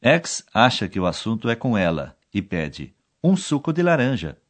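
Lively low-voiced male course narrator. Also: moderate pace. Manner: explains each phrase, then quotes the foreign words. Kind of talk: scripted narration.

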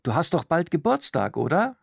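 Male narrator doing a chatty, oblivious husband, gravelly and dry. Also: fairly high pitch, huge pitch swings, moderate pace, no room sound, pitched above the performer's own voice, full character voice. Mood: breezy. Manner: breezy, joking. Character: cheerful husband, teasing and oblivious.

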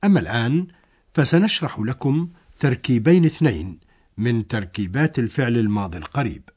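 A man's voice: medium pitch, animated, brisk, darkish tone. A man narrating a scripted language lesson, explaining a dialogue step by step.

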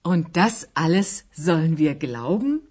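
A woman's voice: sits low, animated, a little slow, a little mellow, slightly rough, full character voice. A woman playing a bewildered, sceptical mother asking questions in a language-course radio drama. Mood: puzzled, doubtful. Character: puzzled, sceptical mother of a boy.

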